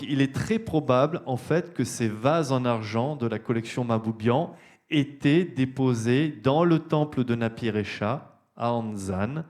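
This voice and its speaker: A man giving a university-style public lecture in a hall, explaining patiently. He fills pauses with little hesitations and turns to the audience with direct questions. His voice sits at an ordinary middle pitch. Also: darkish tone. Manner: explanatory, many fillers like euh and hein, addresses audience directly.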